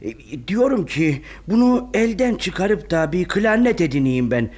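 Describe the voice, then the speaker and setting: An actor playing an easygoing son-in-law in a radio drama, casual and offhand. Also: male voice, high voice, animated, a little slow, a little mellow. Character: easygoing young son-in-law, musical dabbler.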